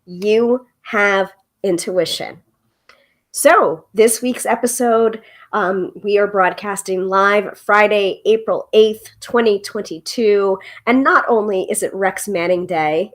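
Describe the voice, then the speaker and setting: In her forties, this woman hosts a live tarot stream, chatting casually with plenty of ums and laughter. Her mid-range voice is slightly bright but froggy and congested.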